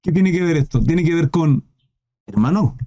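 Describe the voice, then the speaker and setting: Man, preacher, exhorting, animated pitch, warm tone, dry sound. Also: normal speed, no echo. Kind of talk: live-streamed Bible teaching.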